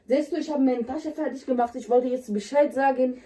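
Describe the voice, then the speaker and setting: Her voice is higher-pitched yet dark in tone, and she talks fairly quickly. A vlogger whose first language is Somali, she insists bluntly in simple broken German while pranking her husband in casual home vlog talk. The sound comes from a distant mic in an indoor home setting.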